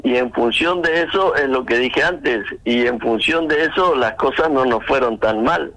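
A man with a bright, forceful voice, answering questions on a phone interview. He explains carefully and methodically, with frequent restarts. The sound comes through a phone line. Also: mid-range voice. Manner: measured, explanatory, hesitant restarts.

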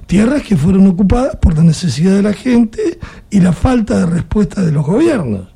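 A man's voice: high-pitched, sing-song, moderate pace, gravelly, mellow, husky. An Argentine man hosting an interview, thinking aloud and asking pointed questions.

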